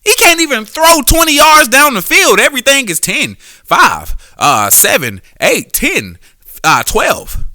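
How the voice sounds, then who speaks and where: A man's voice: very high voice, very animated, measured pace, bright, forceful tone, no echo, studio quality. A man hosting a solo podcast, talking casually and profanely about sports, with frequent restarts and self-corrections. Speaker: podcast host; former quarterback.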